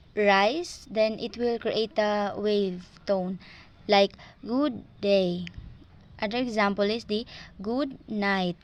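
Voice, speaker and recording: A woman with a Filipino accent giving a class presentation, switching between English and Filipino as she explains step by step. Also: mid-range voice. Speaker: student presenter.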